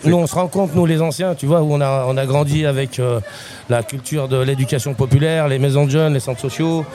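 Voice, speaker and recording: A man's voice: medium pitch, steady tone, brisk, mellow. A middle-aged man with a Grenoble-area accent, a local resident chatting casually in an outdoor interview, talkative and often searching for words. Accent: Grenoble area (Grésivaudan). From Grenoble, France. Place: outdoors at a neighborhood festival.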